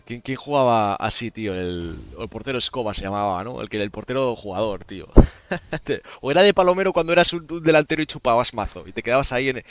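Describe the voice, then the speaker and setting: A young man with a Spain Spanish accent chats loosely with his live-stream viewers, calling them tío and gente. He sounds a bit tired, with a middle-pitched voice. The sound is dry and close at a desk microphone. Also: fairly bright tone, no echo. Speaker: game streamer. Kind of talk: casual live-stream chat.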